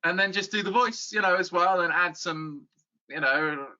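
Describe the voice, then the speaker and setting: Middle-aged man, bright, forceful voice, rambling self-deprecating chat over a dull lo-fi line. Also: high voice, normal speed. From England. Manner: rambling, self-deprecating, with frequent restarts and chuckles. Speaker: YouTube guide host, interview guest. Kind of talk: casual interview chat.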